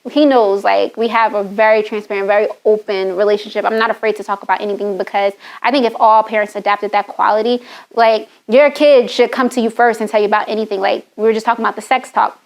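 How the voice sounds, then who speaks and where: A woman's voice: mid-range voice, fairly even intonation, quick pace. A middle-aged woman talking candidly and animatedly in a casual podcast conversation, swearing freely and often laughing. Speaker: guest, wardrobe stylist and author.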